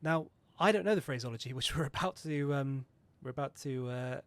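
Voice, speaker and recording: A flight sim video host chats casually while rambling through a pre-flight checklist, swearing now and then and poking fun at himself. His voice is medium-pitched and fairly quick, in a dry recording.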